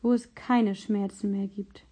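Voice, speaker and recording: Woman reading a sick little boy, faint breathy voice, warm and soft, storybook. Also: medium pitch, fairly even intonation, a little slow. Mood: faint, pained. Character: sick young boy, weak and brave.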